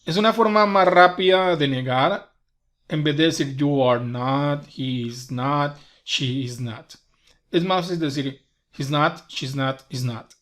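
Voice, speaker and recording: A man's voice: on the high side, slow, fairly bright tone. A man whose first language is Spanish teaching an English grammar lesson, patiently repeating each example step by step. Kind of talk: slow grammar lesson explanation.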